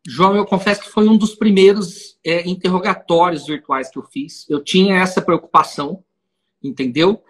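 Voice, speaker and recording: A man, a defense lawyer co-hosting a podcast, telling an anecdote in a casual, animated way. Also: sits high, moderate pace, slightly rough, poor audio. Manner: animated storyteller, laughs along.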